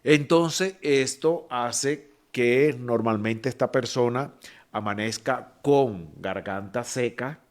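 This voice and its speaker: Speaking slowly at medium pitch, a man from Cuba with a Cuban Spanish accent explains medical matters as a podcast guest. He's patient, though his explanations are full of fillers and fresh starts.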